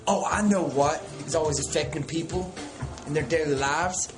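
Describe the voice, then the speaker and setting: Goofy deadpan guy messing around in a studio, echoey room, music going in the background. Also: fairly high pitch, normal speed. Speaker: band member recording a song. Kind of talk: comedic mockumentary banter. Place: recording studio.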